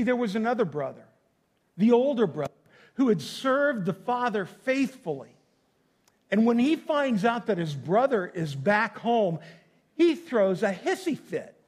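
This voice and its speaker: A male pastor preaches to his congregation in a high-pitched voice with big swings in pitch and a measured pace. He speaks to his listeners directly, folksy and emphatic, repeating phrases to hammer his point home.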